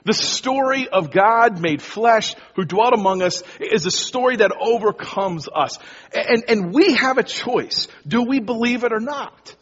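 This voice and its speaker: A man's voice: high-pitched, animated, unhurried, fairly bright tone, husky. A man preaching a sermon as pastor, talking casually and directly to his congregation. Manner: conversational, addresses the congregation casually. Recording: dull lo-fi sound with long hall reverb.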